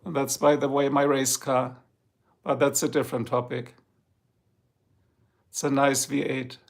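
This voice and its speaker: An older German man with a German accent hosts a rambling, jokey live stream chat from his home in Ohio, greeting viewers by name. His voice is medium-pitched, his delivery flat and unhurried, and the talk is casual chat.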